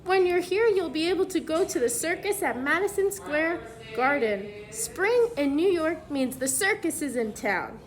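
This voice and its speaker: A woman whose voice is very high and expressive reads aloud from a picture book for little children, breaking off in the manner of a preschool teacher to explain things in simple terms.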